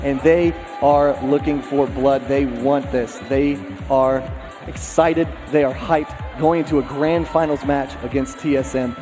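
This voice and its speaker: A man calling a live esports match with excited, shouted play-by-play, his voice getting worn from a long weekend. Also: medium pitch, unhurried, poor audio. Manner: excited shouting play-by-play that drops to calmer wrap-up chat. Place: live tournament auditorium. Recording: event music loud behind.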